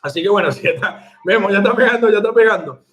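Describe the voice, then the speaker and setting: High-voiced chatty bartender man. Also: racing. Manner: animated, chatty, addresses viewers directly, laughs at his own story. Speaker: bartender and online mixology teacher. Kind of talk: casual storytelling to camera.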